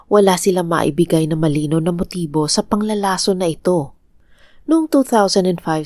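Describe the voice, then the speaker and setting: A Filipino-accented woman tells a true crime story in a calm, measured narrating voice. Her voice sits a little low, and the recording is dry and close, with no room sound. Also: no echo. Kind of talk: scripted narration.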